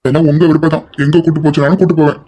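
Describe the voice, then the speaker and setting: A woman voicing a calm, patient young husband who speaks softly and keeps pressing to be heard, in a dull lo-fi audio drama recording. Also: low-pitched, rapid-fire.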